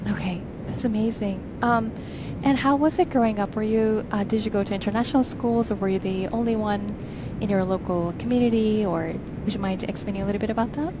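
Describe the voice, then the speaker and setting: A woman's voice: mid-range voice, fairly quick. Polite woman host, dull noisy line. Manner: polite, encouraging, many fillers. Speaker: podcast host. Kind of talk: interviewing a guest.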